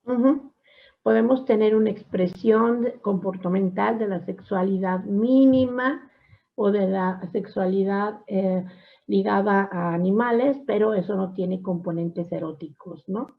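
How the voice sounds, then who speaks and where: A woman psychology teacher giving a class lecture, often affirming with a soft "ujú" and asking her students questions. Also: medium pitch, measured pace, creaky. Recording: dull lo-fi recording.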